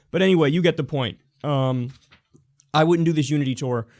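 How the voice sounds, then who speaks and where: A man's voice: a little high, darkish tone. A man hosting a political commentary show, delivering a heated, blunt, profane solo rant.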